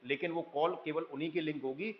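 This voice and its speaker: A man lecturing, explaining in Hindi and slowly reading English lines from slides, often checking with "thik hai". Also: fairly high pitch, steady tone, muffled recording, a little hiss or hum. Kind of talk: recorded lecture.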